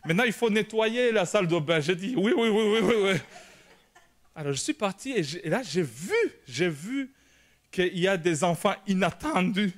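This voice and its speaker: A male pastor, telling a personal story in a sermon, animated and shouting at the dramatic moments. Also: high-pitched, normal speed. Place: church prayer meeting.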